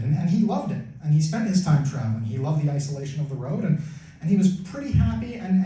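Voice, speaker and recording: A man from Canada giving a storytelling presentation at church, acting out quotes and often restarting his sentences. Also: mid-range voice. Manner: lively storytelling with acted-out quotes and frequent restarts. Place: church hall. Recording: very echoey room from far off.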